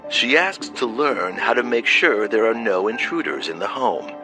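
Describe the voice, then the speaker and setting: A man reading a scripted true-crime documentary narration in a measured voice. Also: fairly low pitch, big pitch swings. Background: documentary music.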